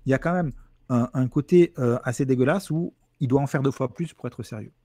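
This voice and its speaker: A French man telling an anecdote as a guest linguist, animated and acting out the quotes he tells. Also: medium pitch, no room sound, clean studio sound. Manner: fast, animated storytelling, acts out quotes. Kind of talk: lively explanatory talk with quoted imitations.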